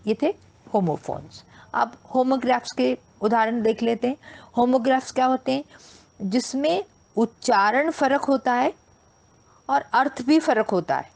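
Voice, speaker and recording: A woman's voice: on the high side, moderate pace, vocal fry, a little mellow. A woman teaching an English grammar lesson, spelling words out letter by letter.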